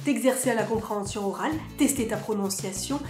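A woman from France, a vlogger, chatting casually to camera in a lively, self-mocking way. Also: on the high side, fast. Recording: echoey room, faint music.

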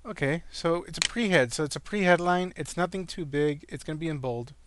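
A man's voice: fairly high pitch, brisk, background noise. Slightly wheezy man giving a casual tutorial. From California, where he lives. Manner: informal, talks through each click as he goes. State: breathing a little hard after an asthma attack. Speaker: online marketing tutorial presenter.

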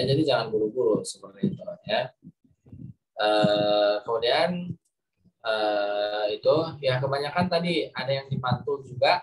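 A man teaching Quran pronunciation in an online class, patiently modeling letter sounds and correcting students. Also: mid-range voice. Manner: patient, repeats letter sounds slowly to demonstrate. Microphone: video call. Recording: distant video call audio.

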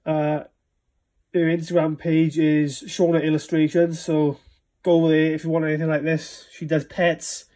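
With a level, dark tone and a voice on the high side, a young Welsh vlogger talks at a moderate pace during a room tour. He chats casually and rambles with many fillers while filming his small home games room on a handheld phone.

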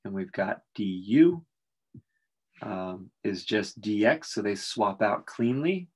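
A man teaching a calculus lesson, talking through each step in a relaxed, explanatory way with frequent fillers. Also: fairly low pitch, slow pace, breathy edge. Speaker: math instructor. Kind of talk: recorded calculus lecture.

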